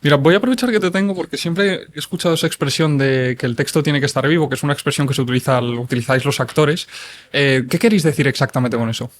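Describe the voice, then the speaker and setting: Guy interviewer, talks fast, lots of mm-hmms. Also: on the high side. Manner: attentive, frequent backchannel murmurs. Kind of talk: conversational interview.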